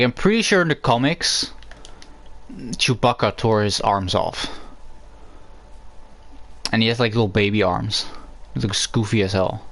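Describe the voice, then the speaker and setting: A man streaming a building game, chatting casually, rambling and swearing as he thinks aloud. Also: lowish voice. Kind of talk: casual livestream gameplay chat.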